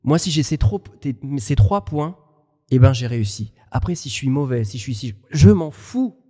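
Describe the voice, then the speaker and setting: Dark-voiced French man, halting. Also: mid-range voice, animated, slightly rough, long reverb tail. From France. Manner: thoughtful, halting, many restarts. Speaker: podcast co-host. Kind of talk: casual conversation.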